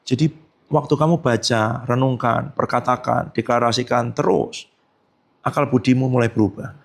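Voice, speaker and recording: A male pastor preaching a sermon at a church service, lively and colloquial, often jumping high in pitch and acting out quotes. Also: normal speed, vocal fry. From Indonesia. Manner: colloquial, frequent tag phrases.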